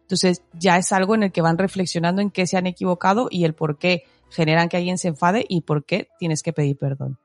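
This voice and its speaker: A woman with a slightly low voice chats casually about raising her children. She acts out the lines of the people in her stories with animated energy. The sound is dry and close, with faint music in the background. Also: brisk, no room sound. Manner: animated storyteller, acts out quotes with laughter. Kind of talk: casual parenting chat.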